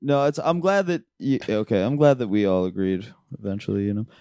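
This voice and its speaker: A man co-hosting a podcast in casual chat, rambling with deadpan jokes. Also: fairly low pitch, brisk, smooth, no room sound, studio quality. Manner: rambling, deadpan joking, frequent fillers. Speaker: podcast co-host.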